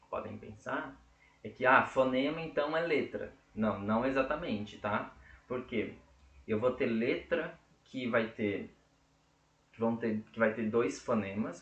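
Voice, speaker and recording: A man's voice: medium pitch, a bit bright. A man teaching a casual lesson, explaining step by step and checking in often with his listeners. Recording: echoey room.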